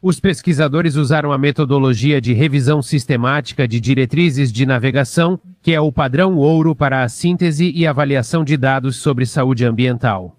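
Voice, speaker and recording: A man's voice: mid-range voice, normal speed, hardly any pauses, dry recording. A man commenting over news clips in a sarcastic, mocking way.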